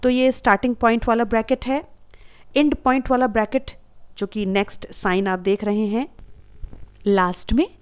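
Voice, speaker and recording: A woman's voice: on the high side, fairly even intonation, normal speed, clear, resonant tone. Lady teacher, patient voice-over, says every word twice real carefully. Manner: patient, repeats each term carefully. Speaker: English teacher. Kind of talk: slow explanatory lesson.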